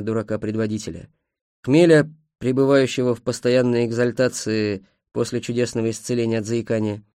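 A man's voice: mid-range voice, mellow, no echo. Male audiobook narrator, dry and ironic. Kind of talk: scripted narration of a novel.

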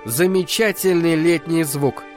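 A man reading a novel aloud as narrator, with measured, expressive storytelling. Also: on the high side, faint music behind. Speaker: audiobook narrator. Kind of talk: scripted narration.

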